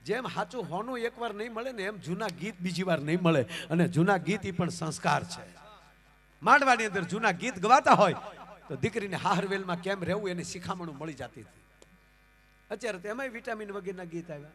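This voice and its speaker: A Gujarati-accented man performing folk comedy on a live stage, with a very high, bright voice. He tells stories and jumps into character voices, speaking into a stage microphone. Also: brisk. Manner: animated, acts out characters in raised voices. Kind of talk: live stage storytelling with jokes. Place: live outdoor folk program.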